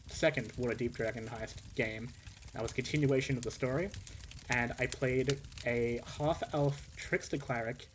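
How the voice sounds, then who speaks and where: A man streaming casually, telling a long story with animated, rambling energy and frequent restarts. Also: mid-range voice, slight background noise.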